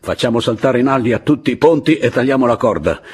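A man puts on a fierce middle-aged peasant woman in a storybook reading, pitched high and loud over his husky voice. She is blunt and commanding, with a voice that swoops widely. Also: lively intonation, quick pace. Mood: fed up.

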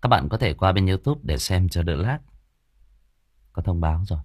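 Deep-voiced male horror storyteller. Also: expressive, moderate pace, breathy edge, no room sound, clean studio sound. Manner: chatty, greets viewers, many fillers. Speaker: storyteller and livestream host. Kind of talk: live-streamed horror story reading.

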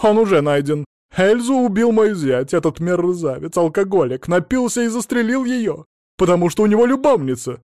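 A man doing a shrill, screeching older woman. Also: animated, brisk, hardly any pauses, darkish tone, dry recording, clean studio sound. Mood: indignant. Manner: screeching, indignant, theatrical sobbing. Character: shrill, hysterical older woman, domineering mother.

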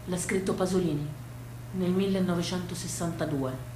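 A woman's voice: fairly low pitch, steady tone, normal speed. A woman telling stories as a theatrical monologue from the stage. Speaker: stage storyteller. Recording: echoey room with faint background noise.

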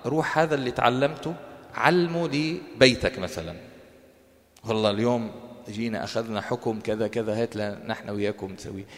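A man's voice: fairly low pitch, brisk. A male teacher with a Levantine Arabic accent gives a colloquial religious lecture, putting questions to his class and answering them himself. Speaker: Quran course teacher. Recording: reverberant hall.

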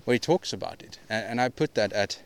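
A man's voice: on the low side, lively intonation, fairly quick, creaky. Male podcast host, solo monologue; rambling, opinionated, frequent restarts and repeats. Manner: opinionated, ranting delivery.

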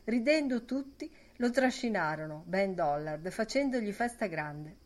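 A woman's voice: medium pitch, animated, unhurried. A woman reading a novel aloud as an audiobook narrator, in lyrical, fragmented phrasing.

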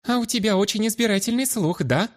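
A prickly young noblewoman from a fantasy audiobook, quick with mocking questions, as a male narrator puts her on. Her voice sits well above a man's usual register and swings up and down with lively, animated intonation. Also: sits high, voice pushed up. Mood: teasing. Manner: mocking, inquisitive. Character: sharp-tongued young noblewoman, brunette.

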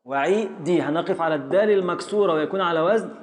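A man with an Egyptian accent teaching a class on Arabic prosody and grammar. He drills syllables slowly, stretching words to beat out the meter, and calls on students. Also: on the high side. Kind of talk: classroom lesson, calling on students. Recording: echoey hall with long reverb.

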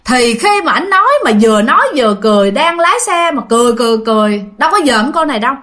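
A woman's voice: on the high side, lively intonation, quick pace, a bit bright. A woman with a Southern Vietnamese accent casually telling a ghost story, chatting to listeners with fillers and repeats.

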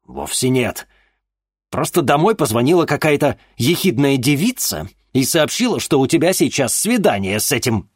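A man voicing a strict, angry middle-aged father who scolds loudly in an audiobook. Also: medium pitch, big pitch swings, moderate pace, hardly any pauses, no echo, clean studio sound, pitched above the performer's own voice. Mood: furious. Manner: loud, growling and scolding. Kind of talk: audiobook character voice.

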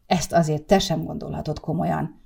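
A woman's voice: deep voice, fairly even intonation, creaky, mellow, husky, exaggerated voice. A woman voicing a fussy, worried older grandmother who scolds her husband, read in an audiobook. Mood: scolding. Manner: scolding, fretful, rising exclamations. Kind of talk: audiobook character reading.

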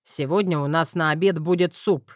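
A man's voice: on the high side, normal speed, no echo, studio quality. A man narrating a first-person audiobook in a wry, self-mocking way.

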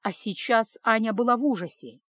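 A woman narrating an emotional love story in a steady, expressive storytelling manner. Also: on the high side, fairly quick, dry recording, studio quality. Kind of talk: scripted audiobook narration.

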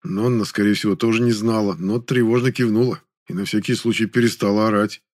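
A man reading a first-person novel aloud in a wry, lively storytelling manner. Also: fairly low pitch, fairly quick, dry recording, studio quality. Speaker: audiobook narrator.

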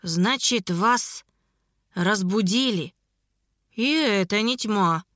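A woman voicing a calm, ironic male emissary who mocks his rivals in a mentoring tone. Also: medium pitch, moderate pace, no echo, clean studio sound, lightly acted. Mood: tense. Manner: mocking, mentoring tone. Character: ironic, cool-headed male emissary of darkness.

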